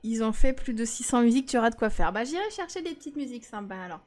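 A woman's voice: a little high, animated, fast talker, darkish tone. A woman streaming a life-sim game, chatting casually and teasing her viewers. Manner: chatty, teasing, talks back to chat.

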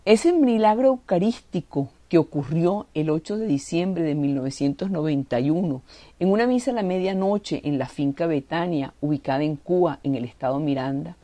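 A woman's voice: sits low, expressive, moderate pace, warm tone, dry recording. A woman giving a devotional reading and reflection, fervent and reverent, leaning on prayerful words.

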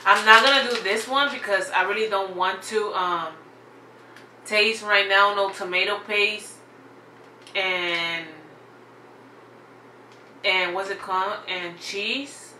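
A woman's voice: mid-range voice, steady tone, slow, long pauses, bright, forceful tone, slight background noise. Chatty woman vlogger in an echoey room. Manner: chatty, filler-heavy, says "like" and "y'all" often. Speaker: vlogger reviewing snacks. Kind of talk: casual unboxing vlog.

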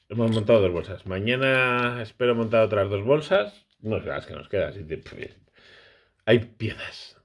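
A man, casually vlogging a brick build with his child, chatty and often unsure as he corrects himself. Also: lowish voice.

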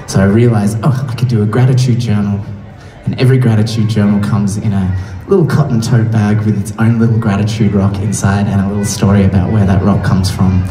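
A musician chatting loosely and gratefully to a crowd between songs at an outdoor concert, heard through the stage speakers. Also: male voice, lowish voice, flat delivery, a little fast, warm tone. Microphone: stage vocal mic through PA. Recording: distant, echoey live PA sound with music.

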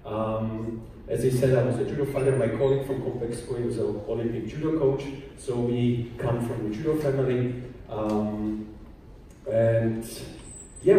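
A man's voice: medium pitch, warm tone, slight background noise. Man in an echoing hall. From Austria. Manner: plain, explanatory, with frequent um and uh pauses. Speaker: conference speaker. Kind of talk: presentation talk. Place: large conference hall. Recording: echoey hall from far off.

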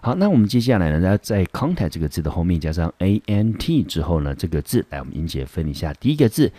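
A very deep, dark male voice with a Taiwanese Mandarin accent, teaching English words in a patient, explaining way. The recording is close and dry, with no room sound. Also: sing-song, fast, breathy edge, no echo. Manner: explains patiently, often starting with "好". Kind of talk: classroom vocabulary lesson.

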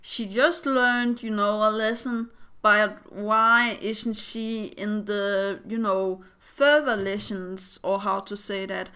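A woman's voice: medium pitch, steady tone, takes it slowly, hardly any pauses, sharp tone, smooth. A young woman giving casual fan theory commentary as a vlogger, rambling with hesitant phrasing.

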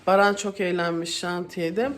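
Speaking at normal speed in a lowish voice with little pitch movement, a woman vlogs casually from her home kitchen. She is chatty and frequently exasperated as she complains, and the recording is echoey and distant, with faint noise.

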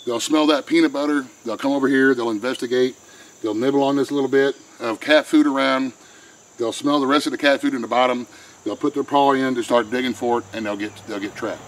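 In a steady, medium-pitched voice at normal speed, a middle-aged man explains how to set a trap step by step, plain and folksy, as a homesteader demonstrating his method. He stands outdoors beside a pen and a wooded creek, recorded on a nearby handheld camera mic. Audio quality is poor, with faint insects and crickets.

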